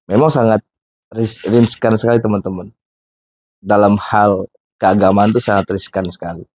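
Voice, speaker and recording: A man's voice: lowish voice, steady tone, moderate pace, a little mellow. A man hosting a reaction video, making casual, sardonic comments to his viewers and laughing now and then.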